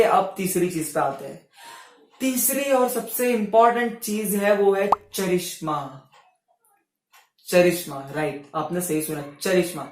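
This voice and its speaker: A young man talks to camera like a motivational vlogger. His voice sits high and keeps rising and falling between loud and soft. The room around him rings with echo. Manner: animated, swings voice loud and soft on purpose. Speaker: vlogger giving self-help tips. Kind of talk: casual motivational talk to camera.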